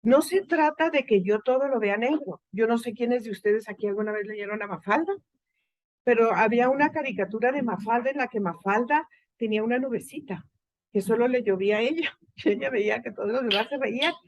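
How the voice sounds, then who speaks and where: A woman with a Guatemalan accent giving a faith talk to a live group, lively and full of rhetorical questions to her listeners. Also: on the high side, fairly quick, rough recording. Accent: Guatemalan Spanish.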